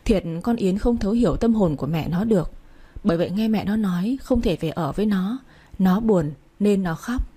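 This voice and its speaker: A woman narrating a novel as an audiobook reader, in an even storytelling manner. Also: medium pitch, normal speed, husky. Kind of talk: novel reading.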